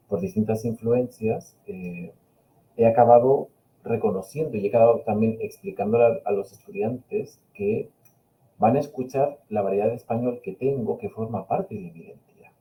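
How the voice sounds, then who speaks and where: Speaking over a video call with a fairly low voice, this middle-aged man from Spain fields webinar questions as an invited linguistics professor, pausing thoughtfully and leaning on many fillers. He speaks Catalan, and his Peninsular Spanish carries a Chilean mix. The audio is muffled.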